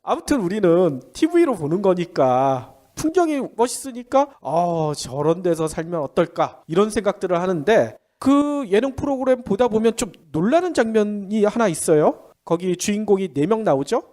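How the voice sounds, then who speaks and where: A man hosts an economic briefing with a stuffed-up nose, sounding pinched and nasal from a cold. His pitch swings in a very lively way. He explains things conversationally, posing questions and answering them himself. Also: normal speed, few pauses. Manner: chatty explainer who asks and answers own questions. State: congested with a head cold. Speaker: economic news podcast host.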